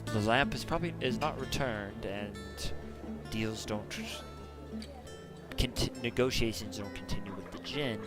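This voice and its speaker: A man running a tabletop role-playing game as game master, moving between narration and in-character talk. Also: on the low side. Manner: animated, flips between narration and in-character lines.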